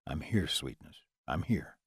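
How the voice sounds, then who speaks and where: A calm, affectionate male vampire, voiced by a male narrator, speaking low and reassuringly. His voice sits deep and is recorded close and dry. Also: normal speed, dry recording. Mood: tender.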